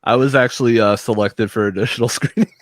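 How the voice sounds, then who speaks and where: A man's voice: mid-range voice, fast, no echo, clean studio sound. A man hosting a podcast, chatting in a laid-back way with frequent chuckles and short replies. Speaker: podcast host. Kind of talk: casual chat.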